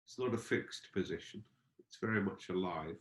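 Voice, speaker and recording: In a roomy, echoing space, a man with a fairly low voice leads a guided meditation. Speaking as a teacher, he is gentle and unhurried, offering exploratory phrases separated by pauses.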